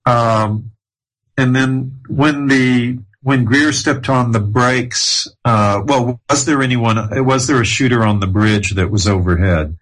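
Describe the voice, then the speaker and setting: A man's voice: mid-range voice, takes it slowly, fairly bright tone, rough recording. A male interviewer who politely cuts in with short questions.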